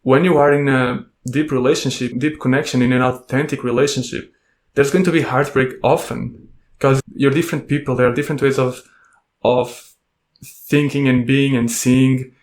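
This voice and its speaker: A man hosting a self-help podcast, speaking calmly and gently in a reflective monologue full of rhetorical questions. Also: medium pitch, normal speed. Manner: calm, gentle, asks many rhetorical questions. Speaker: podcast host and coach.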